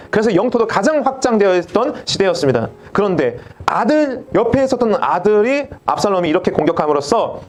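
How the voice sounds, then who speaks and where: A man preaching a sermon as pastor, dramatic and direct with the congregation, acting out mocking voices. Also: high voice.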